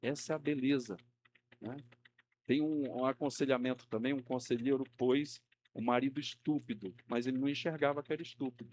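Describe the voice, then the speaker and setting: A man's voice: medium pitch, steady tone, fairly quick, darkish tone, a little hiss or hum. Man teaching a church class. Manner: conversational, uses tag questions like "né?" often; acts out quoted people in a raised voice. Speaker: Sunday school teacher.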